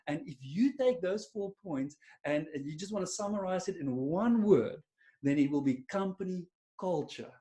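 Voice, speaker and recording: Speaking with an Afrikaans South African accent, a man presents a webinar over a video call to a silent online audience. His high-pitched, warm voice moves at a moderate pace with lively intonation, and he's chatty and self-deprecating, full of fillers and restarts.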